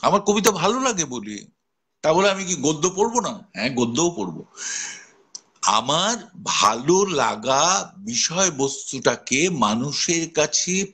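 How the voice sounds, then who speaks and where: An older man teaching recitation, slowly drilling speech sounds and tongue twisters in a live lesson. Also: on the high side, sing-song, a bit bright, husky. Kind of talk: pronunciation lesson on a live stream.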